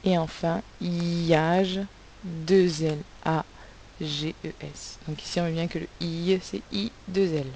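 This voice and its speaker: Slow, careful French woman teacher. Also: fairly low pitch, fairly even intonation, darkish tone, a little hiss or hum. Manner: slow, careful, spells words letter by letter. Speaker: primary school teacher. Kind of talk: recorded spelling lesson for young pupils.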